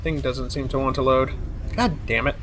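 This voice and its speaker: A man's voice: mid-range voice, steady tone, moderate pace, fairly bright tone, a little hiss or hum. Easygoing man as game master. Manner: laughing, easygoing, distracted by tech. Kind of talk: running a live-streamed tabletop game.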